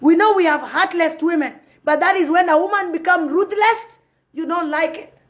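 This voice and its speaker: Very high-voiced, impassioned woman. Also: normal speed. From South Sudan. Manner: passionate, preachy, repeats her points. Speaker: social commentator on a live video. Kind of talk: impassioned live-stream commentary.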